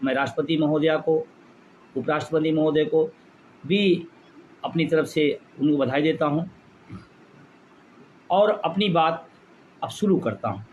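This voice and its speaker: A high-pitched man delivering a fiery rally speech. He builds his points by repeating phrases and drives them home with passion. A faint hiss of noise sits under his voice. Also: unhurried, pauses often, a little mellow, muffled recording. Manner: impassioned orator, repeats phrases for emphasis. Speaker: pension movement leader.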